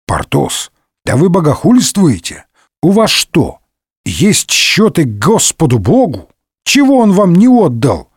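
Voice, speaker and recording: Brash, sarcastic middle-aged swordsman, read by a male narrator, raised pitch, jumpy lively delivery, comic audiobook. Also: unhurried, husky, no echo, clean studio sound, heavily acted. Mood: sarcastic, mocking. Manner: brusque, mocking, shouting insults. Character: hot-tempered middle-aged Gascon swordsman, rude and sarcastic.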